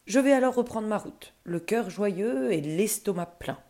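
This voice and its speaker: A woman reading a storybook and voicing a cheerful, cheeky male elf who speaks in a bright, polite, breezy way. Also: medium pitch, animated, unhurried.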